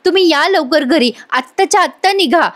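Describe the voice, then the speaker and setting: A woman's voice: high voice, lively intonation, brisk, a bit bright, voice pushed up. Woman doing an earnest, devoted young wife. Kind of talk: voice-over recap acting out dialogue.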